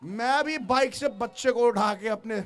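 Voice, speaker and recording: A male pastor preaching a sermon, swinging between shouted exhortation and hushed storytelling, with English call-outs mixed in. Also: very high voice, unhurried, crowd noise.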